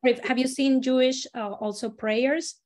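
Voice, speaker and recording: A woman from Latin America leading a storytelling workshop, explaining exercises in an animated, demonstrative way. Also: a little slow. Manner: animated, demonstrative, swings pitch and loudness while modeling voices. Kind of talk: teaching a live workshop.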